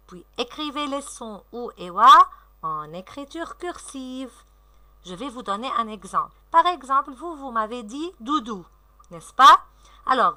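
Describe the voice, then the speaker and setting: Woman, schoolteacher, slow sing-song, sounds out syllables, high lively voice, very bright tone. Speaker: primary school teacher. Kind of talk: recorded early-reading lesson for young children.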